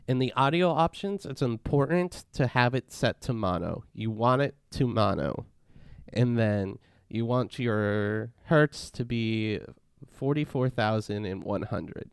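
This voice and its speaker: A man gives a casual, step-by-step software walkthrough in a smooth, resonant voice. The sound is dry and close, with no room around it. He keeps a relaxed, instructive tone. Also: medium pitch, no room sound. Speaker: tutorial host.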